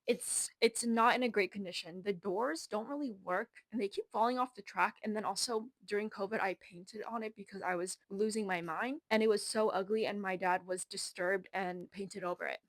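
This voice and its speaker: A female vlogger in her twenties gives a rambling, self-deprecating casual room tour, slightly out of breath. Her medium-pitched voice is steady and brisk with few pauses, and there is no room sound.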